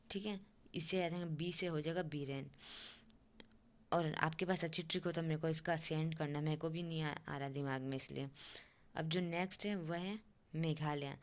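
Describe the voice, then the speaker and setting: Low-voiced woman teaching. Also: a little mellow. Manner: repetitive, keeps asking "ठीक है?" and checking on the listener. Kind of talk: exam-prep memory tricks lesson.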